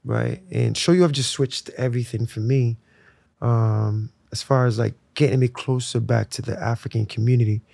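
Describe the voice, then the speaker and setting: A young man from Nigeria, a musician talking in a relaxed, reflective way with lots of fillers during an interview. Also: medium pitch, moderate pace, vocal fry, no echo. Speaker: musician guest. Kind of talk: casual interview talk.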